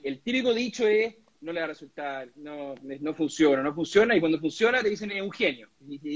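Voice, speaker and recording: Husky Chilean man, eager interview answers. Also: high voice, highs cut off. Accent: Chilean Spanish. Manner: earnest, many restarts and repeated words. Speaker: lawyer and constituent assembly candidate being interviewed.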